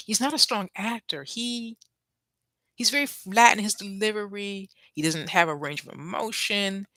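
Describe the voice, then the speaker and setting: Lively, chatty woman with a bright voice. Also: medium pitch, no room sound. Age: 40s. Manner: chatty, laughs often, trails off. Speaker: YouTube livestream host. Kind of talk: casual chat on a livestream. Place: apartment with thin walls.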